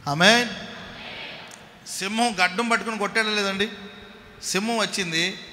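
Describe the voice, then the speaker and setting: A man preaching a sermon as pastor, firing rhetorical questions at the congregation and calling them to clap and shout hallelujah, swinging between loud exhortation and quiet asides. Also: high-pitched, moderate pace, slight background noise. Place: large church hall. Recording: echoey hall with long reverb.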